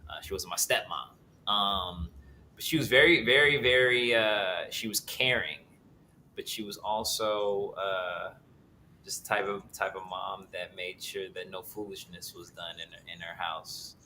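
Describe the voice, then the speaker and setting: Bright-voiced man in his thirties, earnest. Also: sits low, slight background noise, low-quality recording. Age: 30s. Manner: earnest, reflective, halting with fillers. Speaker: actor guest. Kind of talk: interview answers over video call. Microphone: remote call connection.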